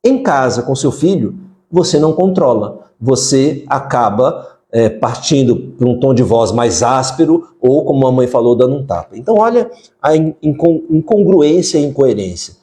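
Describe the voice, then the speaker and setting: Mellow-voiced man hosting a live. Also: medium pitch, expressive, moderate pace. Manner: conversational, asks viewers direct questions, frequent fillers. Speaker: parenting educator hosting a live stream. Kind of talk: live-stream talk answering viewer comments.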